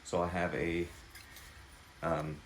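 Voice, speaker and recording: A man with a fairly deep voice walks through a do-it-yourself project. He talks casually, like a hobbyist showing his work. Background noise is clearly audible in the recording. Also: flat delivery, slow pace, rough recording. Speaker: hobbyist maker and vendor showing a DIY build. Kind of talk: casual spoken build walkthrough.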